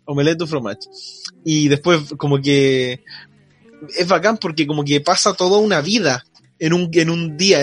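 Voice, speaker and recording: A young man with a Chilean accent, chatting casually as a podcast co-host and retelling a cartoon episode in a rambling, slangy way. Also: a little high. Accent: Chilean Spanish. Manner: rambling storyteller, slangy, laughs while retelling. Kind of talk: casual chat.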